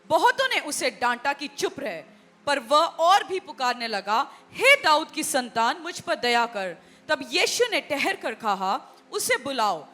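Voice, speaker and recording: A woman reading a Bible passage aloud in a measured, expressive way. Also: high voice. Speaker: scripture reader.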